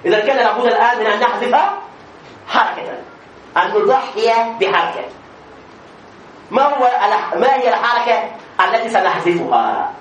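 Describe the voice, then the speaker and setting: A man's voice: high-pitched, animated, normal speed, pauses often, a bit bright, highs cut off. A man teaching a grammar lesson as a sheikh, asking questions and answering them himself, with frequent hesitations and repeated words. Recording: echoey room, distant mic, faint noise.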